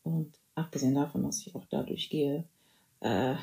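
A woman's voice: sits low, moderate pace, dark tone, reverberant. A woman in her twenties hosting a casual solo podcast, chatty and playful, mixing German with English phrases and dropping in amens. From Germany (Bavaria). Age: 20s. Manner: praise interjections like amen and hallelujah. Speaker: podcast host.

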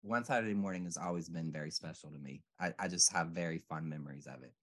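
A man with a very low voice, chatting casually with friends. He talks in a loose, rambling, reflective way, full of fillers. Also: quick pace. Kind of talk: casual chat.

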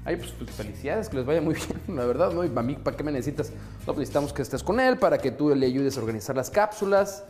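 Animated Mexican man telling stories. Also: fairly high pitch, fast talker, reverberant, faint music behind. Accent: Mexican Spanish. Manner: animated storytelling, mock-pompous asides. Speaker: sports commentator. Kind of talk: casual podcast chat.

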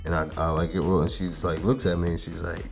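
A podcast co-host in his thirties tells a long story in a laid-back, rambling style, full of fillers and curses, as part of a casual storytelling chat. His low, gravelly, darkish voice is fast and fairly level, with soft music playing behind him.

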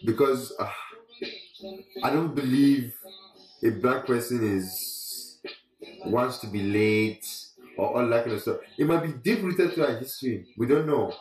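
This man has a medium-pitched, somewhat dark voice, and the recording sounds roomy and echoey. He talks casually and reflectively, driving home earnest points through emphatic repetition.

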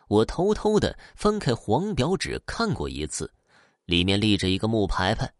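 A man narrating a folk tale in an expressive, lively storytelling manner. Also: fairly low pitch, dry recording, clean studio sound.

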